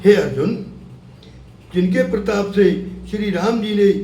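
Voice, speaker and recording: A man voicing a proud, calm male monkey god in a devotional tale, speaking in a measured, gently amused way. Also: high voice. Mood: calm, assured. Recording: echoey room, mic far off, faint hum.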